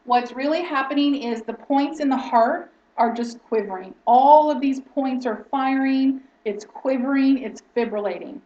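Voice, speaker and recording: A woman's voice: sits high, normal speed, few pauses, warm tone. A woman instructor teaching a lesson in lecture style, explaining step by step and often checking in with "okay?". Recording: roomy, distant, dull lo-fi sound.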